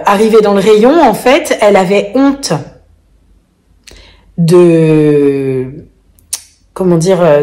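A woman's voice: mid-range voice, darkish tone. A woman telling a family story in a casual vlog, chatty and full of fillers. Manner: chatty, many fillers, acts out quoted voices. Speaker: vlogger, mother of five.

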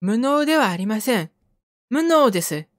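Woman reading a prim, deadpan android girl. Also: a little high, normal speed. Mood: polite. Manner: formal, flat chatbot phrasing. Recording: game music underneath.

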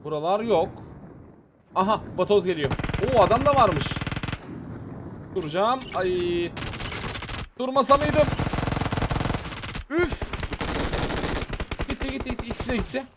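A man hosting a gaming channel, commentating his own match in an excitable, muttering way that tenses up during fights. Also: high voice, a little slow, pauses often, very noisy. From Turkey. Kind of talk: live gameplay commentary.

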